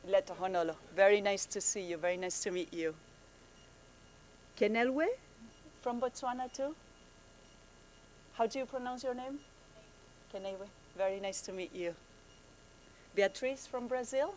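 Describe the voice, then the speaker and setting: A woman program manager giving a friendly conference presentation, halting often with fillers and restarts, speaking in a conference room. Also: mid-range voice, a little mellow, slight background noise.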